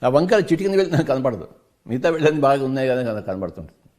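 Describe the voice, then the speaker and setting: Animated, fast-talking man giving a spiritual discourse. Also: mid-range voice. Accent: Telugu. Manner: emphatic, preaching with rhetorical questions. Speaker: meditation teacher.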